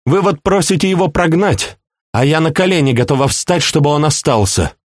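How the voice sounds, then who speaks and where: A man's voice: on the high side, animated, a little slow, dry recording, clean studio sound, pitched above the performer's own voice. Man doing a proud passionate young princess. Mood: pleading. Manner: pleading, indignant. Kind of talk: audiobook character reading.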